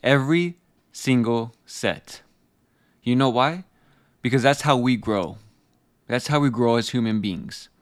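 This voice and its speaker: A man delivering a motivational speech as a speaker, blunt and forceful, hammering out short emphatic phrases. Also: medium pitch, a little slow, pauses often, dry recording, clean studio sound.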